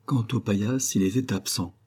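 Male audiobook narrator, measured and literary, low husky voice. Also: dark tone. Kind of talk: scripted narration.

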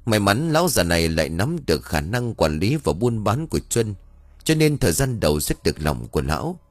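A man's voice: on the low side, very animated, a little fast, no echo, soft background music. A man narrating a ghost story in a formal, dramatic storytelling manner. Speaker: audiobook narrator.

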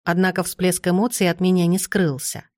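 A woman narrating a fantasy audiobook in the first person with calm, measured reading. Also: fairly low pitch, dry recording, clean studio sound.

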